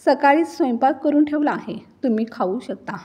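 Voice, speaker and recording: A woman's voice: sits high, lively intonation, fairly quick, dark tone. A woman voicing a worn-out, feverish young wife who pleads wearily in a storybook reading. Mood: weary. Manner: weary, pleading.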